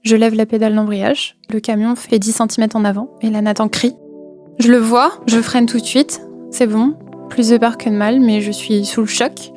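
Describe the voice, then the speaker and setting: Softly told personal story, woman. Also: fairly high pitch, fairly even intonation, moderate pace, faint music behind. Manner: hesitant, with frequent fillers and repeated words. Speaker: storyteller recounting a personal experience. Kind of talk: personal testimony.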